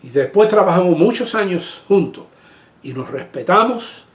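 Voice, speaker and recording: A man's voice: sits high, animated, normal speed, reverberant. A middle-aged male pastor preaching a sermon, telling a personal story with emotion and many restarts.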